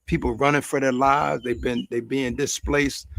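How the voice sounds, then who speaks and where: A man's voice: medium pitch, flat delivery, moderate pace, creaky, fairly bright tone, dry recording. An American man hosting a casual, rambling live stream from his backyard grill, folksy and repeating his phrases for emphasis. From United States. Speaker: host of a cooking and chat stream. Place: outdoors in a quiet backyard.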